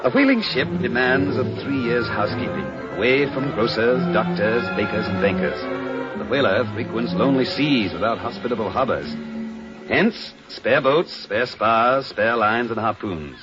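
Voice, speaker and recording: A man's voice: mid-range voice, lively intonation, normal speed, natural voice. An actor playing an earnest young sailor who narrates his whaling voyage in literary, dramatised audio drama style. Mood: earnest, storytelling. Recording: dull lo-fi radio drama, loud music.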